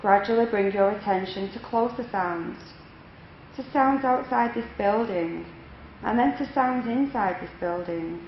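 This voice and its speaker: A woman yoga instructor leading a guided relaxation meditation in measured, instructional phrases with unhurried pauses. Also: mid-range voice. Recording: echoey room, dull lo-fi, faint noise.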